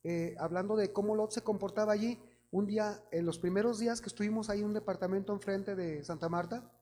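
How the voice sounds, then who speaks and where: A man's voice: high-pitched, steady tone, quick pace, mellow. A man preaching a sermon, telling a personal testimony in a conversational way and often addressing the congregation as brothers.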